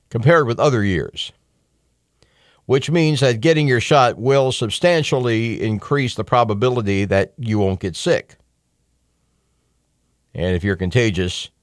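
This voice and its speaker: A fairly low-pitched voice belongs to a middle-aged American talk radio host offering a casual, opinionated, folksy monologue with emphatic asides in a conversational way. Recorded on a close microphone in a radio studio, the sound is studio quality with no echo.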